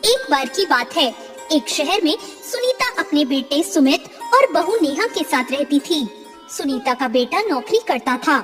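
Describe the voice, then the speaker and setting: A woman hosting a channel and narrating a devotional story in an animated storytelling manner. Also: sits high, measured pace. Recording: long reverb, faint music behind.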